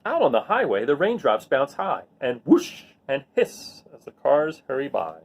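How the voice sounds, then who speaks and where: Speaking at a moderate pace in a medium pitch, this man hosts a lively storybook read-aloud for children. He plays up every sound word and slips in easy, kid-friendly asides between pages.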